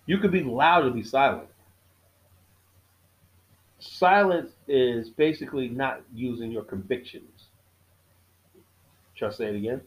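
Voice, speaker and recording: Hosting his own show, a middle-aged man gives an easygoing but preachy monologue, circling back to key lines for emphasis and frequently pausing to restart. His mid-range voice is heard on a muffled recording.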